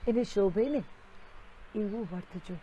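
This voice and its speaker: A woman's voice: mid-range voice, a little slow, muffled recording. A woman giving an earnest devotional talk on a live stream, telling stories with emphasis. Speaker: spiritual speaker.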